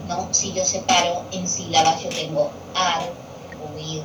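A woman teaches grammar in a patient classroom manner, repeating each term so it sticks. Her voice sits a little low and sounds distant, caught in an echoey room. A television murmurs clearly in the background. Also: flat delivery, takes it slowly. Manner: patient, repeats key terms for students. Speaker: Spanish language teacher. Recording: echoey room picked up from afar with television noise.

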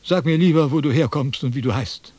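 An actor playing a vain, pompous philosopher in a 1970s radio drama, lecturing and easily indignant. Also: male voice, fairly high pitch, a little fast, a little mellow, no room sound, natural voice. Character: vain, pompous old male Chinese philosopher.

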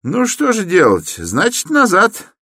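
Man playing an excitable young student, urgent, pitched up, dry audiobook read. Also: a little slow, husky, dry recording, full character voice. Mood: excited. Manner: urgent, insistent, explaining.

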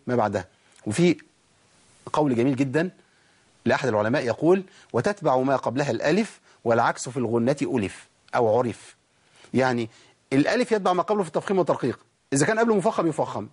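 A middle-aged man with an Egyptian Arabic accent teaching a recitation lesson, asking himself quick questions and then chanting slow, drawn-out examples. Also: a little high, husky. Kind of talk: Egyptian colloquial tajweed lesson.

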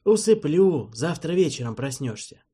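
A man voicing a calm, matter-of-fact airship crewman in an audiobook. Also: on the high side, normal speed, slightly rough, pitched above the performer's own voice. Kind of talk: audiobook character voice.

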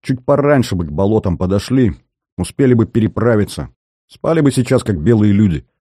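A man's voice: lowish voice, expressive, brisk, warm tone, dry recording, studio quality. Grumbling weak young soldier, a man doing it. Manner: grumbling, sullen.

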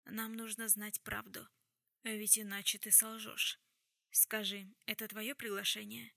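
Lady reading a cold strict woman boss, flat measured voice, bit of fry. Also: mid-range voice, no echo, clean studio sound, exaggerated voice. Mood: stern. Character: stern, composed woman in charge.

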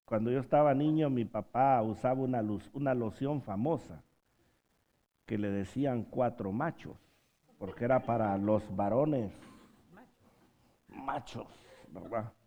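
A man's voice: mid-range voice, unhurried, long pauses, lo-fi sound. A man preaching a sermon, posing rhetorical questions to the congregation and dropping in humorous asides. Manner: rhetorical questions with frequent "¿verdad?" tags.

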